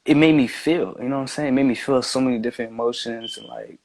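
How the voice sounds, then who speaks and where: A man's voice: mid-range voice, fast talker, darkish tone, slight background noise. A man talking as a podcast guest in a loose, meandering, slangy way, peppered with filler words. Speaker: podcast guest, music maker. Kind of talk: casual chat, slangy.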